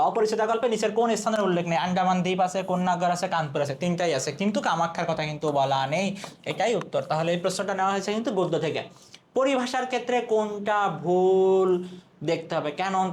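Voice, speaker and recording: A man's voice: a little high, slight background noise. Man teaching, answering his own questions. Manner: asks questions and answers them himself. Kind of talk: exam prep lesson.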